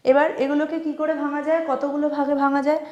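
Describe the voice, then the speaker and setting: A woman's voice: sits high, flat delivery, darkish tone, echoey room, muffled recording. A woman teaching an English pronunciation lesson, patiently explaining syllables and often checking that her students follow. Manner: patient, repeats words slowly and checks in with "কেমন?". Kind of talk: Bengali-language lesson explaining syllables, writing examples.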